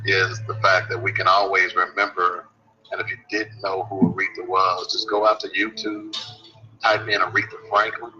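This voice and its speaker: A man co-hosting a radio show, speaking in a measured, advising way. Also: sits low, sharp tone. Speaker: co-host. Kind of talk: casual radio chat. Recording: dull lo-fi livestream audio with faint hiss.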